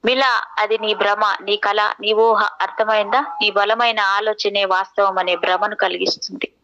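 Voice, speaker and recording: A woman reading the part of a calm, loving young woman spirit who explains things softly in an audiobook. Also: mid-range voice, normal speed, muffled recording, background noise, lightly acted. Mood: soothing.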